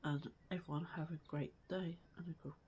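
A woman's voice: deep voice, steady tone, a little fast, a little mellow, a little hiss or hum. A woman giving casual gameplay commentary, squealing with delight at cute things and muttering asides under her breath. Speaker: gaming video creator.

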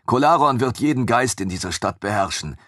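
A man reading a fantasy audiobook in the first person, in a steady, even manner. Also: mid-range voice, brisk, dry recording, studio quality. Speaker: audiobook narrator.

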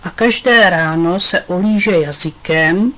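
A woman's voice: on the low side, a bit bright, close to an everyday voice, rough recording. A woman reading aloud, voicing an earnest schoolboy who explains things to his class in a storybook.

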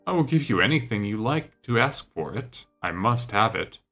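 A man's voice: mid-range voice, animated, normal speed, sharp tone, faint music behind. A man voicing a suave, nonchalant aristocrat in an audiobook, amused and assured, with a languid manner. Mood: admiring, assured.

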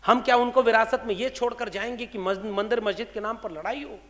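Very high-voiced man giving a fiery speech. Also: fairly quick, a bit bright. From India. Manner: fiery, rhetorical, full of pointed questions. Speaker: speaker at a public meeting. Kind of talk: impassioned political speech. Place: large hall before an audience. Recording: reverberant hall sound.

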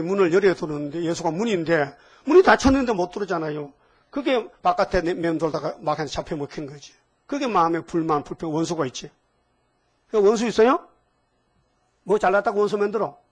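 A man in his seventies preaching a sermon in a folksy way, asking the congregation questions and adding homely asides. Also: fairly high pitch. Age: 70s. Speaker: pastor. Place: church hall.

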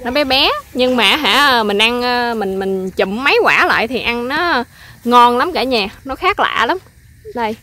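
A woman speaks a little slowly in a slightly high, animated voice that sounds pushed and bright. She's a vlogger and mother picking in her outdoor home garden, chatting casually and frequently talking straight to her viewers.

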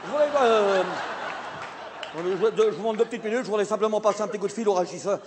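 A man playing a flustered, stammering male theatre director in a live comedy sketch, hesitating and then bursting into shouts. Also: sits high, quick pace, crowd noise, close to an everyday voice. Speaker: comic stage performer. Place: theatre stage with live audience. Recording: live stage recording, audience noise.

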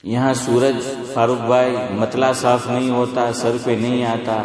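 A man's voice: medium pitch, little pitch movement, unhurried, a little mellow. A man giving a conversational religious lecture, often checking with listeners through rhetorical questions. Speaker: Islamic scholar. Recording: echoey hall with crowd.

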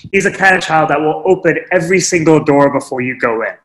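A man telling a reflective story in a webinar talk, earnest and unhurried, with pauses and small restarts. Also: a little high, fairly bright tone, roomy sound, poor audio. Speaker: webinar speaker sharing teaching stories. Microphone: webinar microphone.

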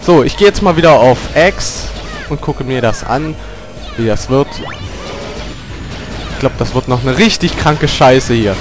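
A man commenting on his own gameplay, grumbling and cursing at the game, with loud yelps and outbursts whenever he gets hit. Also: medium pitch, lively intonation, a little slow, long pauses, over music. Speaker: let's player. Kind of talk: gaming commentary.

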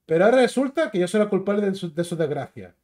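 Man, Spain Spanish accent, high voice, very swingy intonation, combative mocking rant, YouTube commentary. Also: very animated, rapid-fire, a little mellow. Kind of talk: ranting commentary video.

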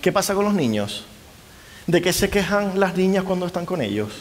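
A middle-aged man lecturing a live audience, his fairly high voice carried by a long hall reverb. He talks in an animated way and keeps tossing quick questions back at the crowd. A faint hiss sits under the recording. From Spain. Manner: lively, keeps asking the audience rhetorical questions. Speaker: university lecturer.

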